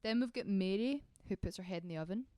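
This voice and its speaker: This is a young woman co-hosting a laid-back book podcast, chatting and giggling with her friend. Her voice is smooth and clear, at an ordinary middle pitch. The recording is dry and close. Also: fast talker, dry recording. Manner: giggly, chatty, animated storytelling. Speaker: podcast co-host. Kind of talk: casual chat.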